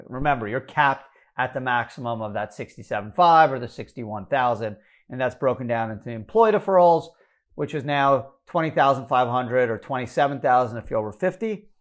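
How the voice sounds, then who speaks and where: A man with a Canadian accent explaining retirement contribution limits, brisk and number-heavy, correcting himself as he goes. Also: mid-range voice, lively intonation. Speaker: financial educator. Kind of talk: explanatory talk.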